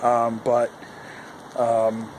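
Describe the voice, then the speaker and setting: Male vlogger, mid-pitched, rambling casual talk, recorded outside with clear wind noise over a handheld camera. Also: completely flat delivery, extremely slow. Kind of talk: casual vlog chat to camera. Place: outdoors in the cold wind. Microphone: handheld camera at arm's length. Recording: windy outdoor recording, loud wind noise. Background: howling wind noise.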